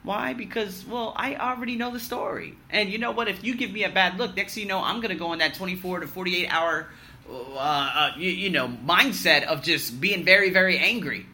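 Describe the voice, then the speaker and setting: In a brisk, emphatic vlog, a man in his thirties sums up his year without mincing words. Loud boasting alternates with low, muttered remarks, and a swear word slips out now and then.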